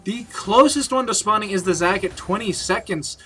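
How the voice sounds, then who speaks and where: Excitable high-voiced male game caster. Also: moderate pace, slightly rough, soft background music. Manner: excitable, jumps up in pitch and volume on big plays. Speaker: esports caster. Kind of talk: play-by-play game commentary.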